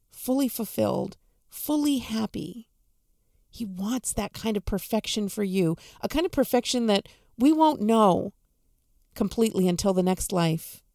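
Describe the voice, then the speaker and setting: A woman giving an earnest, encouraging devotional reflection on a gospel reading, speaking softly to listeners at home. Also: mid-range voice, creaky, no room sound, studio quality. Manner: earnest, encouraging, soft-spoken.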